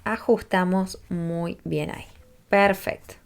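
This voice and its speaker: A woman's voice: on the low side, steady tone, slow pace, gravelly. A woman, patiently teaching a crochet tutorial step by step and checking in with listeners as she counts rows aloud. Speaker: crochet instructor.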